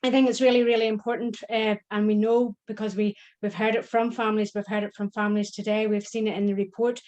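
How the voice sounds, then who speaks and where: A woman's voice: medium pitch, little pitch movement, fast talker, a little mellow, lo-fi sound. A woman from a charity speaking at a webinar, appreciative, repeating "really" with many uhs. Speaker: charity representative. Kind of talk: webinar contribution.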